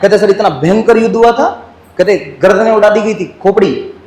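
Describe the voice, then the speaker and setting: A man teaching a class in a lively, joking way, firing questions at the students and answering them himself. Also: sits high, moderate pace, reverberant, rough recording.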